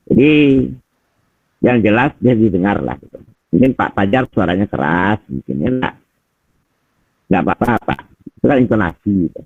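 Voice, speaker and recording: Over a video call, a middle-aged man training teachers gives feedback in a conversational tone, his voice low and husky. He refers to listeners as Pak and Bapak Ibu and often asks rhetorical questions, with tinny audio and no room sound.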